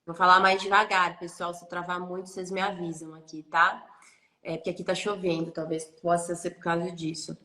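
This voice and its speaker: A woman's voice: lowish voice, flat delivery, moderate pace, fairly bright tone, roomy sound. A woman hosting a live online interview, asking reflective questions and thinking aloud about the topic. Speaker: host. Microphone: video call.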